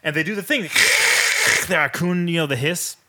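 A man's voice: a little high, unhurried, pushed and bright. A young man co-hosting a casual podcast, telling a laid-back, profane story and doing little voices for the people and animals in it. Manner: laid-back storyteller, does funny voices for animals and his dad, lots of swearing. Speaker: podcast co-host. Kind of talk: casual chat.

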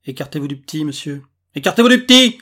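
A man voicing a brusque, hostile male police officer who talks coarsely, with a husky voice, in a read-aloud story. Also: mid-range voice, fairly even intonation, a little fast, natural voice. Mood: commanding. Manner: threatening, coarse.

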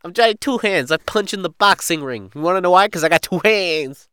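A man putting on the voice of a brash mafia tough, high-pitched and loud. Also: lively intonation, brisk, clean tone, dry recording, studio quality. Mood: swaggering.

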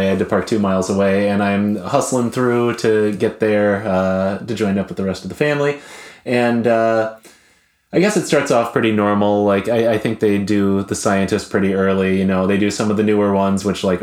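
A man's voice: fairly low pitch, echoey room. A man casually telling a long, wry story in a rambling, hesitant way. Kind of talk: casual chat.

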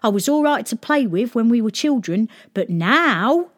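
A woman's voice: fairly high pitch, lively intonation, moderate pace, voice pushed up, lightly acted. A woman doing a vain, sulky shepherd boy. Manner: indignant, boastful.

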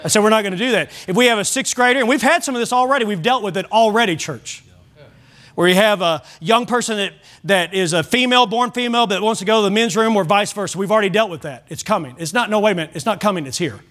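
A man's voice: high voice, quick pace, fairly bright tone. A man preaching a Sunday sermon as pastor, earnest and direct, often stumbling over and restarting his words.

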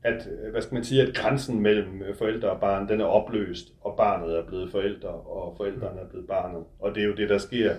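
Low-voiced male author, reads and reflects with a measured, hesitant delivery in an echoey room. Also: fairly even intonation, a little mellow. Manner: measured, reflective, hesitant with fillers when speaking freely. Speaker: author reading and discussing his novel. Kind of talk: literary reading, then interview talk.

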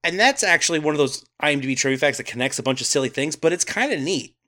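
A man's voice: fairly high pitch, animated, fast talker, bright, forceful tone. A man co-hosting a podcast, recapping a movie plot and sharing trivia in casual chat, laughing often. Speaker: podcast co-host.

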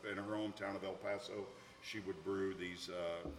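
A man hosts a relaxed podcast interview in a chatty way, often stacking up yeahs. His voice sits on the low side. The room is echoey, and a clear background hum runs behind him. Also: normal speed. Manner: chatty, piles up repeated yeahs. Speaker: podcast host. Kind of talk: casual interview.

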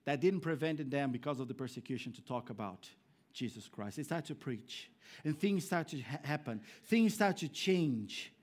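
Brief: male pastor, sermon to a congregation, very high voice, emphatic then hushed. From Brazil. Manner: preaching with swings between raised emphatic lines and low hushed ones. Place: church hall before a congregation.

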